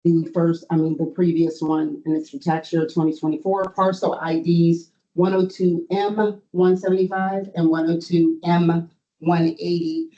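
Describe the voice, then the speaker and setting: Board admin giving formal meeting report, kinda halting, really mellow voice, muffled audio. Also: mid-range voice, level tone.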